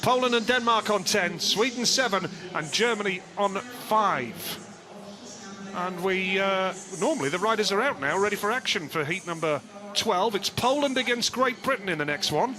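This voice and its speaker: A man commentating live on a race in an excitable motorsport commentator's delivery. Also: sits high, moderate pace, crowd noise. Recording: clear background noise.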